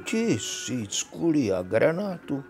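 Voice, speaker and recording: An older man reading aloud and voicing a cheerful, foolish young peasant who hollers and sings out in high bursts. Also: sing-song, creaky, darkish tone, slight background noise. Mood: eager.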